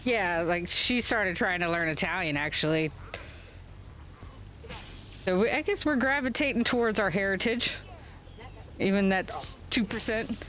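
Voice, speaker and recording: An American woman streams a game from home, chatting casually through a webcam setup. Her mid-range voice is a bit bright with lively intonation, and she rambles unhurriedly, full of fillers and chuckles.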